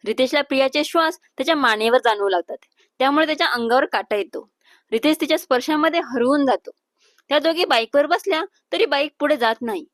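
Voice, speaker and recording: A woman storyteller narrating a romantic serial story in a steady, even way. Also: high-pitched, fast talker, no echo, studio quality.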